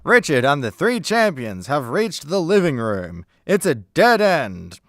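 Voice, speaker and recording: The narrator of this scripted comedy radio play is a man with a fairly high voice, animated and unhurried. He's recorded dry and close, with no echo.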